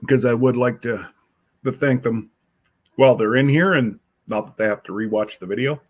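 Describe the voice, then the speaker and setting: A congested middle-aged man hosting a livestream from home, chatting casually in a slow, rambling way with many fillers. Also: medium pitch. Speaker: livestream host.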